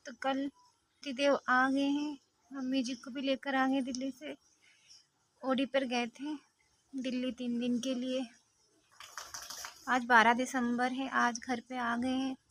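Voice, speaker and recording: A woman's voice: sits high, flat delivery, slow pace, pauses often, fairly bright tone, dry recording. A woman talking casually in a home vlog, chatty and a little fretful. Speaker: vlogger.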